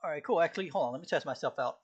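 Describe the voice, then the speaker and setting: A streamer with a slightly high voice mutters to himself while working through a textbook on a live stream, speaking very fast yet with an easygoing feel. He repeatedly clears his irritated throat and stays relaxed as he goes over notes from memory.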